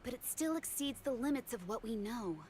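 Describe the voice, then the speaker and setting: A woman voices a skeptical young female investigator who keeps questioning what she hears. Her voice is fairly high. A faint hiss sits behind it. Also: animated, fairly quick, mellow, natural voice. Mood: doubtful.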